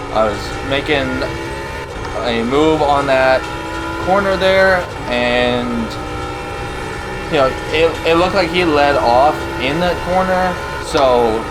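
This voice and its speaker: Slow-talking man over loud engine noise. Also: fairly high pitch. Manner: halting, thinking aloud, easygoing. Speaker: sim racing streamer. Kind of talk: casual gameplay commentary. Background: racing game car sounds.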